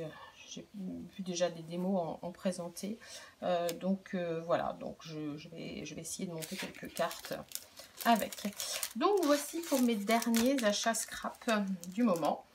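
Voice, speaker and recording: A woman's voice: fairly low pitch, measured pace, darkish tone. A middle-aged woman casually showing her craft purchases in a vlog, talking in a chatty, hesitant way with many fillers and restarts. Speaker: crafting vlogger and product demonstrator. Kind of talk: casual show-and-tell vlog. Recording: faint background noise and clicks.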